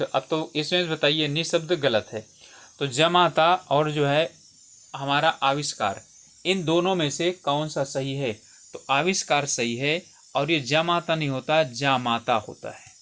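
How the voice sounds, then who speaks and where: Guy tutoring for a hindi exam, slightly high voice, goes through spelling questions one by one, keeps saying theek hai. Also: a little slow, fairly bright tone. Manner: explains step by step, repeats words and says "theek hai" often.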